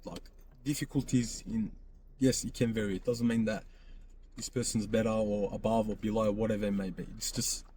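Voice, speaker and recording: Emphatic man, warm low tone. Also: fairly even intonation, normal speed, a little hiss or hum. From Australia. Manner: emphatic, repetitive, keeps asking "right?". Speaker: podcast host. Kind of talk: candid personal monologue.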